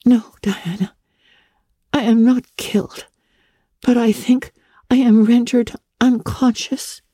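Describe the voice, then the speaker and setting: Woman playing a dramatic young orphan girl, solemn and theatrical, raised pitch, husky; storybook. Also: fairly even intonation, slow, warm tone, dry recording, studio quality. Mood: dazed.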